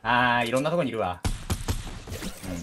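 A man hosting a gaming channel, chatting roughly and excitably with a teammate, often shouting and laughing at enemies. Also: mid-range voice, brisk, soft background music. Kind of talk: casual gameplay chat with a teammate. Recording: noisy game audio behind.

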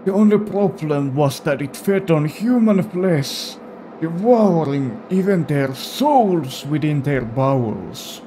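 A man voicing an old grandfather bound to a monstrous creature, speaking slowly and solemnly. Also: a little high, lively intonation, background noise. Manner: slow, solemn old-man voice reading game dialogue.

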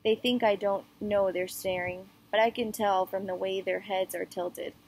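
A woman reading a children's novel aloud in an even, unhurried first-person voice. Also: medium pitch, a little hiss or hum, poor audio. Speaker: audiobook reader.

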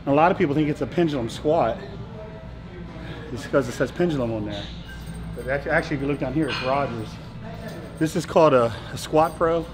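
A man's voice: on the high side, a little fast, long pauses. Man coaching reps in an echoey gym. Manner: loud rep-counting encouragement. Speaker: trainer coaching a leg workout. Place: large busy indoor gym. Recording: echoey gym with loud music.

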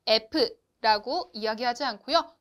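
A woman teaching a beginners' Chinese lesson, explaining clearly and asking the learners to repeat after her. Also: on the high side, fairly bright tone. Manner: slow, clear instruction with drawn-out model syllables; addresses learners directly and asks them to repeat. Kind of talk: online lesson.

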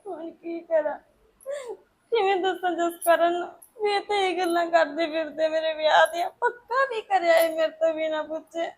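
A defiant young daughter, played by a woman, pushes back against her family in a Punjabi short film. Her voice sits very high, and she pleads with a Punjabi accent. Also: quick pace, a bit bright. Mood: tearful. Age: young adult. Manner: pleading and defiant, often tearful. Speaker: daughter resisting arranged marriage.

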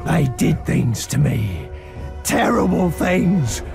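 A man voicing a creepy, obsessive, unhinged orc in a video game, with a creaky voice. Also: on the high side, very animated, slow, music in the background, exaggerated voice. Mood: creepy threat.

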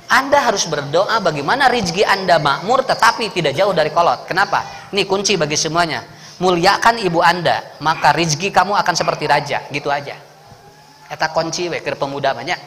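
Animated Sundanese-accented man preaching. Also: on the high side, a little fast. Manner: animated, joking, acting out voices of his congregants. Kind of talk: lively sermon mixing Sundanese and Indonesian. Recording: echoey hall with faint background noise.

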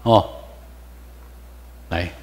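A man with a Taiwanese Mandarin accent giving a classroom lecture, firing rhetorical questions and drilling students on vocabulary. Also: very slow. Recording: long reverb lecture hall.

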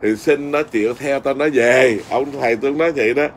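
A middle-aged Buddhist monk with a Southern Vietnamese accent, telling a story in an easy conversational way. He rambles, restarts and fills pauses as he goes, at an ordinary pitch for a man. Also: slight background noise. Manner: rambling, with many fillers and restarts.

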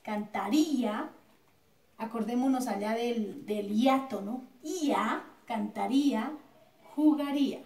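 A woman schoolteacher from Colombia, her voice on the high side and a little mellow, speaks slowly and patiently through a classroom grammar lesson, repeating words and checking with students. The room echoes and the mic is distant, leaving her off-mic.

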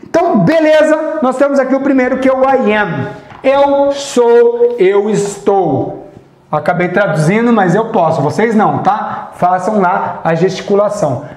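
A Brazilian man teaching English on a live stream, chatty and encouraging, slowly repeating example phrases. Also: high-pitched, lively intonation, a little mellow, roomy sound. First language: Portuguese. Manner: sings snippets of songs to teach. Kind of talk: live online English lesson.

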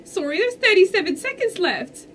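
A woman reacting to a music video in casual commentary, excitable and gushing, with sudden squeals and exclamations. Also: very high voice, moderate pace, a little hiss or hum. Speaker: reaction vlogger.

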